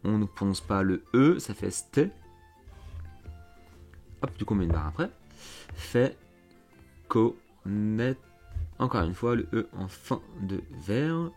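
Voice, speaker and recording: A man teaching a lesson online, explaining step by step in a patient way, often pausing with fillers and restarting phrases. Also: lowish voice, animated, darkish tone, faint music behind. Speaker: French teacher.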